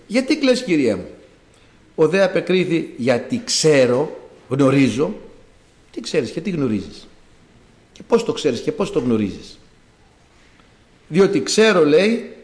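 A man preaching a sermon, retelling a Bible story in an animated way and acting out the characters' words. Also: fairly high pitch. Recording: echoey room.

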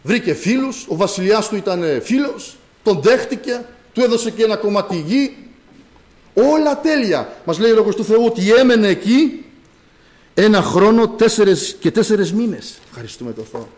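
A man's voice: high voice, lively intonation, darkish tone. A man preaching a sermon earnestly, asking rhetorical questions and addressing listeners as brothers.

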